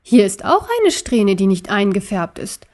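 A woman voicing Ariel, a small, brave male stuffed-toy elk in a storybook, speaking in a calm, thoughtful way. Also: mid-range voice, measured pace.

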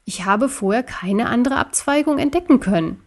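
Brave little stuffed elk voiced by a woman, calm, thoughtful, storybook. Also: a little high, moderate pace. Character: small brave male stuffed-toy elk.

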